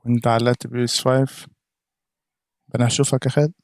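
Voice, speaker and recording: A man's voice: medium pitch, flat delivery, fast, no room sound, clean studio sound. A man with an Egyptian Arabic accent giving casual reaction commentary on a gaming live stream, chatting straight to viewers in chat by name.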